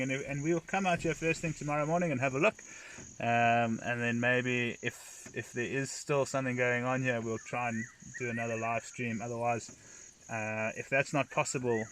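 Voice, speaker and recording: A man gives live wildlife commentary as a safari guide, in measured, hesitant phrasing. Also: mid-range voice, fairly bright tone. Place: outdoors at night in a safari vehicle. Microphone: cell phone. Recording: noisy outdoor phone livestream, insects, vehicle.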